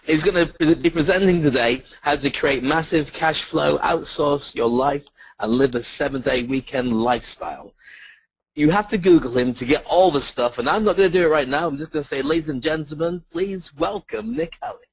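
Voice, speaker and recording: A man's voice: on the high side, moderate pace, slightly rough, low-quality recording. A man hosting an event, introducing the next speaker in a jokey, upbeat way. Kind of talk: stage introduction.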